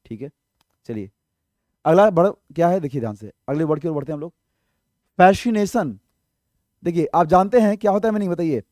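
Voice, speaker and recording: High-voiced male vocabulary teacher. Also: lively intonation, brisk, pauses often, darkish tone, no echo, studio quality. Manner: explains patiently, asks rhetorical questions, repeats "okay" often. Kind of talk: online exam-prep lesson.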